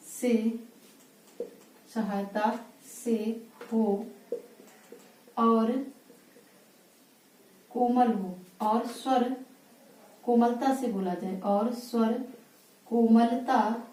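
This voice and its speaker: A woman teaches a grammar lesson at a whiteboard, drawing out and repeating each word as she writes. Her voice is soft and mellow, a little high. She is some way from the mic in an echoey room. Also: far from the mic. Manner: slow, repeats words while writing. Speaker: Hindi teacher.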